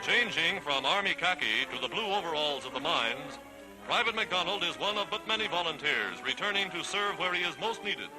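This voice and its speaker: A man narrating a 1940s newsreel in an emphatic, dramatic announcer style, over loud orchestral music. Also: fairly high pitch, animated, moderate pace, poor audio. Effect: old newsreel narration.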